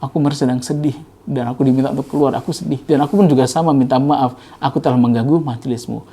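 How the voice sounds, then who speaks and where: A man plays a young man who was hurt and now apologizes in a quick rush. His voice is warm and mellow, close to the storyteller's own. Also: medium pitch, fairly even intonation, lightly acted. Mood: apologetic.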